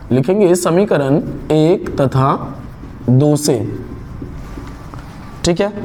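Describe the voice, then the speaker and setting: A young Indian man teaches a math lesson step by step, explaining slowly and posing questions he then answers himself. His voice is high with a darkish tone, and there's a faint hiss or hum.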